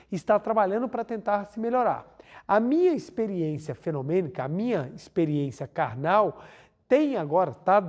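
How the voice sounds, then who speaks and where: A man's voice: sits high, mellow. A man with a Brazilian Portuguese accent giving an earnest religious lecture at a whiteboard, asking rhetorical questions and drawing out words for emphasis.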